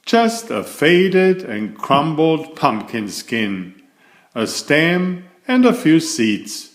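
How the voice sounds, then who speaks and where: A male storyteller, who is a children's author and channel host, reads a picture book aloud as a bedtime story. He goes at an unhurried, measured pace, his pitch swinging up and down expressively for young listeners. Noticeable room echo surrounds his voice.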